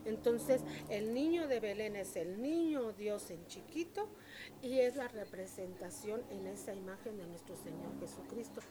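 A woman, telling stories in a lively, chatty and devout way during an interview. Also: medium pitch, a little slow. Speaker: interviewee, local shop owner. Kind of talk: casual storytelling interview. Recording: street crowd noise behind.

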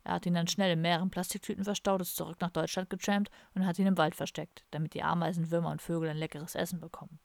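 Gruff older metal fan, hushed and low, read by a woman; audiobook, dry booth. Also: level tone, fast talker, hardly any pauses, dry recording. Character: gruff dying older male metalhead drinker.

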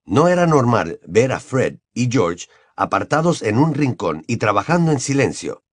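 Expressive male audiobook narrator. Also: mid-range voice, moderate pace, no room sound. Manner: expressive, varied storytelling. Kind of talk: audiobook reading.

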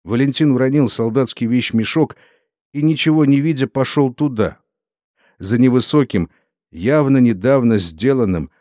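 A man narrating a literary novel in a steady, solemn storytelling manner. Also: medium pitch, no room sound, studio quality. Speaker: audiobook narrator.

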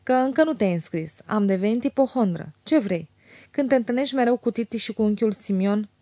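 A woman voicing a lively, teasing young woman in an audiobook, her tone lifted and bright with chatter. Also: medium pitch, no echo, lightly acted. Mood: playful. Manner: bright, teasing, quick to laugh.

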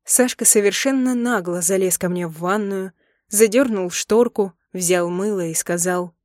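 A woman's voice: medium pitch, a little slow, dry recording, studio quality. Woman narrating a novel in first person. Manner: expressive, acts out emotional dialogue. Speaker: audiobook narrator.

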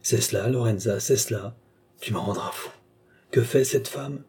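A man's voice: mid-range voice, normal speed, darkish tone, slightly rough. A man playing an ardent, passionate mesmerist who questions his entranced lover eagerly and urgently.

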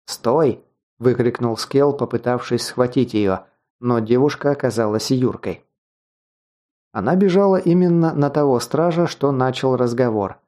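A man narrating a fantasy audiobook in a steady, measured storytelling manner. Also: mid-range voice. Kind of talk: scripted narration.

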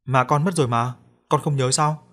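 A worried young father, voiced by a man narrating an audio story, speaks gently and anxiously. His voice sits at a middle pitch. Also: steady tone, normal speed, close to an everyday voice.

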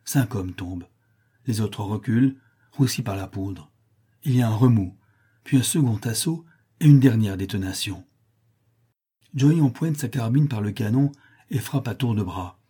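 Husky-voiced male audiobook narrator. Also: mid-range voice, mellow. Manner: vivid, emphatic delivery. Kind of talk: dramatic novel reading.

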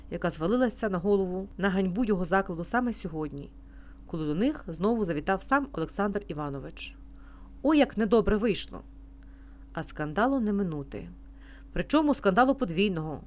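Woman narrating an audiobook. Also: medium pitch. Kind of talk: scripted narration.

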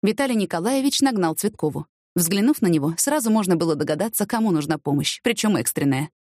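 A woman reading an audiobook in a steady, expressive storytelling manner. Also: on the low side, quick pace, dry recording. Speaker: audiobook narrator. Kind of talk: scripted narration. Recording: dry studio reading.

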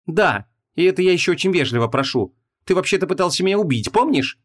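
A man reading an audiobook, voicing a brash, impatient young woman apprentice mage with a raised pitch. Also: lively intonation, moderate pace.

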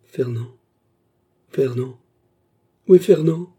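A man reading aloud, voicing a frightened young woman who pleads in rising, anxious questions, in a husky voice. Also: mid-range voice, lively intonation, normal speed, warm tone, pitched above the performer's own voice. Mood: panicked.

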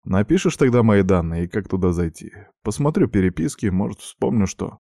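A man voicing a stubborn young male student fighter who talks bluntly and flatly. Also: lowish voice, brisk, creaky, no room sound, clean studio sound, exaggerated voice.

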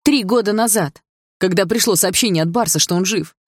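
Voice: mid-range voice, brisk, no room sound, studio quality, pitched above the performer's own voice, close to an everyday voice. An audiobook reader voicing a nervous young man who pleads and justifies himself. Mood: pleading. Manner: pleading, flustered. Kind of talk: audiobook dialogue.

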